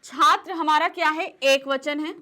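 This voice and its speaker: A woman's voice: high-pitched, unhurried, pushed and bright. A woman teaching a grammar lesson. She asks questions and answers them herself, and she checks in often to make sure her students follow.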